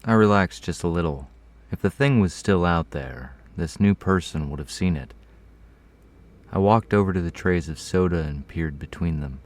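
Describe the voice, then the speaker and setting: A man reading a first-person horror story in a measured, low-key way. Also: darkish tone. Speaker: narrator. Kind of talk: scripted horror story narration.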